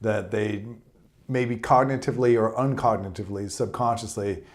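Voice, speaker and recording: A man's voice: on the low side, steady tone. A man co-hosting a podcast in loose casual chat, swearing freely and restarting his sentences often. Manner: loose, profane, halting restarts. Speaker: podcast co-host.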